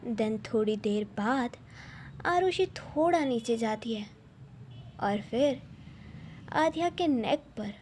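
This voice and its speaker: A woman narrating a romance story aloud in slow, halting short phrases. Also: fairly high pitch, animated, a little mellow, a little hiss or hum.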